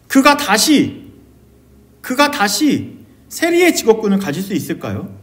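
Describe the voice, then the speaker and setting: Male pastor, sermon delivery, high and very animated, swings from cries to near-whispers. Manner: dramatic, swinging from loud cries to hushed low phrases.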